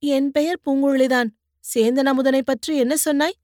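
A woman voicing a spirited, sharp-tongued young boatwoman who answers with mocking retorts, in an audiobook. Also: high-pitched, steady tone, moderate pace, no room sound, clean studio sound, natural voice.

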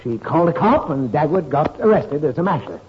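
A man voices an evasive husband in a vintage radio comedy, stalling with every excuse. His raised voice bounces up and down. The sound is lo-fi with clear hiss. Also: fairly high pitch, expressive, a little fast, natural voice. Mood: sheepish. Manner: hesitant, evasive. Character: sheepish husband caught out late, fumbling alibis. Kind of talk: 1940s radio acting. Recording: muffled old radio recording with audible hiss.

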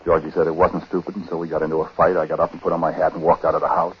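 An actor playing a troubled, uneasy husband who narrates in a hesitant, conversational way in a 1940s radio drama. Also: male voice, rumbling low, level tone, very fast. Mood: agitated recounting. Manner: hesitant, conversational, breaking off and repeating words. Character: troubled husband, uneasy, recounting his own story. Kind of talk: 1940s radio acting, first-person confessional narration. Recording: muffled, noisy 1940s radio recording.

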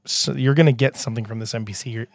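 A man's voice: medium pitch, fairly even intonation, rapid-fire, dry recording. A man with a New England accent, casually chatting as a podcast co-host and game master, self-deprecating, with frequent restarts. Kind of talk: casual chat.

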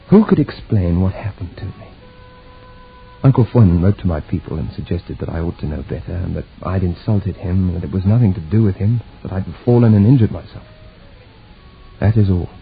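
Haunted male narrator, brooding and deliberate, very husky lowish voice, thin phone-like radio drama sound. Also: exaggerated voice. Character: haunted, troubled nephew recounting his strange tale. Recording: tinny, narrow-band old radio recording.

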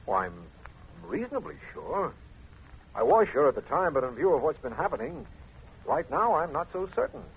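An actor playing an earnest, formal and authoritative district attorney in a 1950s radio drama, speaking in a measured way. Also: male voice, a little high, sing-song, creaky. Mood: anxious. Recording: noisy, dull old radio recording.

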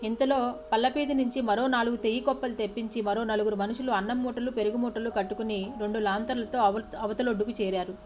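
Woman telling a story, higher voice. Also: fast, over music. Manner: expressive, addresses listeners politely. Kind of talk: storytelling podcast narration.

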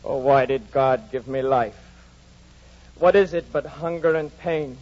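A man's voice: mid-range voice, unhurried, a little mellow, a little hiss or hum, close to an everyday voice. An actor playing a cruel, tormented, brooding man, sardonic in 1940s radio acting, on a dull old radio broadcast. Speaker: Heathcliff.

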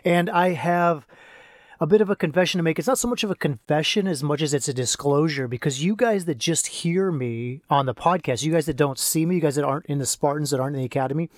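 Rambling and repeating himself, the host of a casual solo podcast, who also works as a men's coach, talks fast in a slightly high voice. One side of his mouth is paralyzed, leaving his speech a bit slurred and his lip sounds soft, like after a dentist visit. It's studio quality with no room sound.

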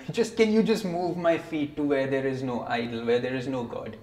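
A man's voice: mid-range voice, steady tone, normal speed, darkish tone, echoey room, lightly acted. A man voicing a tired, drunk male vagabond guru in a story, drowsy and lazy. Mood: weary.

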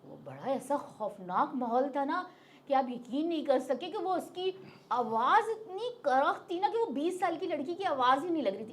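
A woman's voice: sits high, slight background noise. A middle-aged woman recounting a personal experience in casual, vivid detail as an interview guest. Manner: vivid, detailed retelling with acted-out quotes. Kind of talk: casual spoken storytelling.

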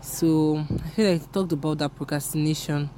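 A young woman hosts her solo podcast in a low, warm, steady voice at a moderate pace, with slight background noise. Originally a Yoruba speaker from Nigeria, she talks in Nigerian-accented English, chatting casually in a rambling, candid and self-deprecating way.

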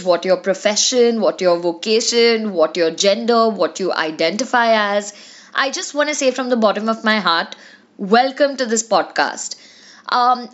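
A young woman from India hosting a solo podcast, talking in a chatty, confiding way with lots of fillers, her voice raspy from a cold. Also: a little high, fairly bright tone. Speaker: podcast host. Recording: dull lo-fi sound.

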